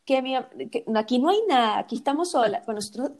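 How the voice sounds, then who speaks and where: A woman with a Venezuelan accent telling personal stories in casual chat, animated and frank. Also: high-pitched, quick pace. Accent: Venezuelan Spanish. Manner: animated storyteller, many fillers and restarts.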